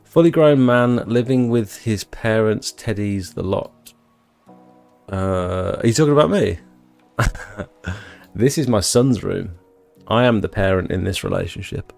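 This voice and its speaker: Streaming from a cramped home bedroom-office, this thirties British exterior cleaner chats informally and rambles, reading and responding to comments. His voice sits on the low side, gravelly and a little mellow, at a measured pace over soft background music.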